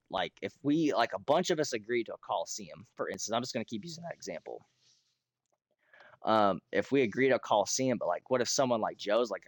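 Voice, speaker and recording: Casting: male American game streamer, lowish hoarse voice, rambling casual chat with throat clearing, dry close mic. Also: no echo. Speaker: streamer hosting a Minecraft realm. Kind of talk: casual livestream chat while gaming.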